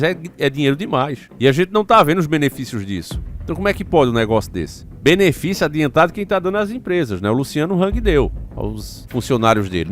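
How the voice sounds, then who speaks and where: A man's voice: a little high, slight background noise. A man hosting a channel, giving opinionated commentary on news stories, reading excerpts aloud and answering them with rhetorical questions. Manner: addresses listeners as "meus irmãos".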